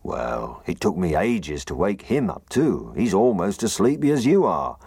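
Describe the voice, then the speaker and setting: A gruff, booming snowman calls out in a friendly voice, as a man puts him on. The tone is rough and husky with a gravelly edge, cheerful and a little fussy. The recording is dry and close. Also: sing-song, a little slow, no room sound, exaggerated voice. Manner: loud, friendly, fussing.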